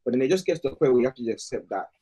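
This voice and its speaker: A man's voice: mid-range voice, lively intonation, rapid-fire, mellow, husky. A young man with a London accent giving casual, slangy football analysis as a podcast panellist.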